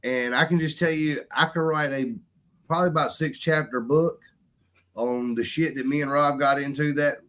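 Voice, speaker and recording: A man's voice: a little high, fairly even intonation, normal speed, fairly bright tone. A man, an event announcer guesting on a podcast, telling a story in a folksy way and addressing listeners as y'all. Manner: folksy, talks to the audience as y'all. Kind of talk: casual storytelling.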